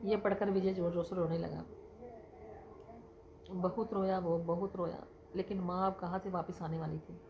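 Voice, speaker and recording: Low-voiced woman telling a story. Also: level tone, darkish tone. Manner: halting, with many restarts. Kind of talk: casual spoken storytelling. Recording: noisy background.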